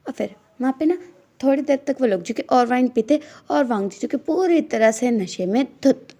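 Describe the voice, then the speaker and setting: Woman rambling through a fanfic story, soft warm voice, dry lo-fi sound. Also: high voice, animated, moderate pace, dry recording. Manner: chatty, loose filler-heavy retelling. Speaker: story narrator. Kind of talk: casual fan-fiction storytelling. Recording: dull lo-fi dry recording.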